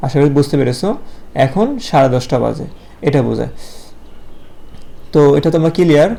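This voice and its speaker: A man with a Bangladeshi Bengali accent teaching a video lesson to young pupils. He explains slowly and patiently, asks his own questions and answers them, with many filler pauses. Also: a little high, creaky, mellow.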